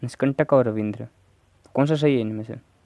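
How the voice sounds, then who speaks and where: This exam prep lesson features a man with a Rajasthani accent and a dark, mid-range voice, speaking at a moderate pace with no echo. Step by step, he goes over Hindi grammar answer choices and asks viewers to answer.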